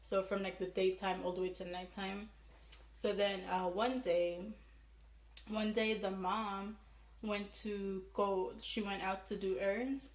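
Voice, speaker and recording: A young adult woman from Palau telling a story casually, in a halting, rambling way with frequent self-corrections. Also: mid-range voice, fairly even intonation. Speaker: mukbang vlogger telling a folk legend. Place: small room indoors, seated at a table. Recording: roomy echo, background noise.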